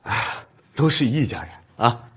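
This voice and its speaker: An actor playing a middle-aged chamber president who fawns over his boss and blusters at others, with a husky voice. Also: mid-range voice, a little slow, fairly bright tone. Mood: placating. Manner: obsequious to superiors, blustering to others.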